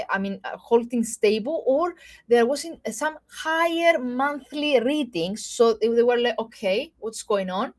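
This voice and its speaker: Explaining markets during a live webinar, a Greek Cypriot–accented woman from Cyprus who works as a market analyst speaks at a fairly high pitch. She halts often, using many fillers and restarts, and frequently asks "okay?" to check in.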